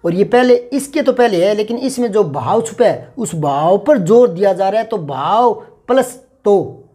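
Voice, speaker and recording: Chatty man teaching grammar slowly. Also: high-pitched, a little mellow. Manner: chatty, explains slowly with repeated examples. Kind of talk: online grammar lesson.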